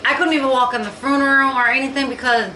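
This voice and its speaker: A woman talking in a halting, tearful way and repeating herself, near tears, in a home vlog. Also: high voice, steady tone, sharp tone. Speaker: vlogger. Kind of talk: emotional personal vlog. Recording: echoey room with faint noise.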